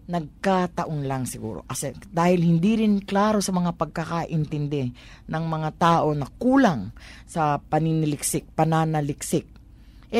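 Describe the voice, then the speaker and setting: A woman's voice: sits low, darkish tone. A woman with a Manila Tagalog accent explains conversationally on a talk program, posing rhetorical questions and switching between Tagalog and English. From Manila, Philippines.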